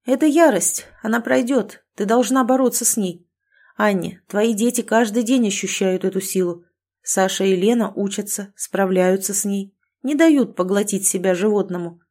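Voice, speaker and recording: A woman reading a calm, protective alpha werewolf husband. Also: mid-range voice, normal speed, close to an everyday voice. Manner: quiet, even and soothing.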